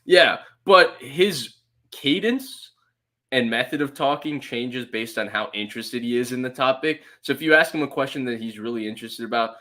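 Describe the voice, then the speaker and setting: A man's voice: mid-range voice, expressive, normal speed, sharp tone. A man hosting a sports podcast in casual chat, observant and talkative, with frequent "like" fillers. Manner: chatty and observant, many fillers like "like". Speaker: podcast host.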